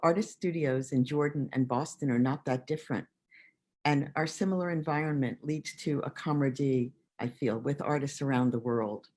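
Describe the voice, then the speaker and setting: A moderator with a mid-range voice opens the session in a measured, friendly way, reading a prepared introduction. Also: medium pitch, a little mellow. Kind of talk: scripted introduction.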